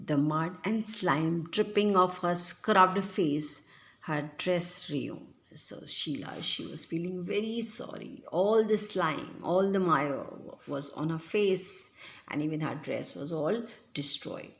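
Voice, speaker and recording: Lowish-voiced woman teacher explaining a story. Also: animated, takes it slowly. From India. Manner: reads a line then explains it simply, acting out shouts. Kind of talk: reading and explaining a textbook story.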